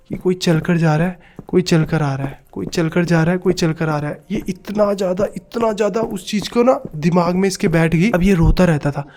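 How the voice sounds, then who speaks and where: A man tells a horror story in a fairly high voice. He is dramatic and acts out the knocks and cries he describes. Faint music plays behind him. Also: a little mellow.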